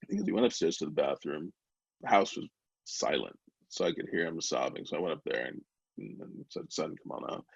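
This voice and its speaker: A middle-aged man, a podcast guest, candidly telling a personal story in a rambling, animated way, acting out the voices of the people he quotes. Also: a bass voice, gravelly, slightly rough, no room sound. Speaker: podcast guest, brownie company founder. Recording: slightly dull, lo-fi remote audio.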